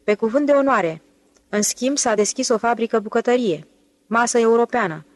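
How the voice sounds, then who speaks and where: A woman's voice: on the high side, close to an everyday voice. A woman reading the part of an eager young male museum director who boasts about his town's progress in an audiobook. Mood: enthusiastic. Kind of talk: audiobook character voice.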